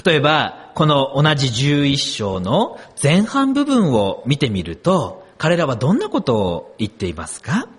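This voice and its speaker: Guy pastor giving a sermon, husky voice, swings way up and down, storyteller vibe. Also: mid-range voice, measured pace, hardly any pauses. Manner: expressive storytelling, asks the congregation questions.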